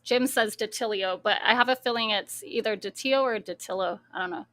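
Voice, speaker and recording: A woman's voice: fairly high pitch, lively intonation, fast, pushed and bright. A young adult woman hosting a casual live stream, chatty and easily amused, greeting viewers by name. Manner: chatty, greets chat names one by one, laughs easily.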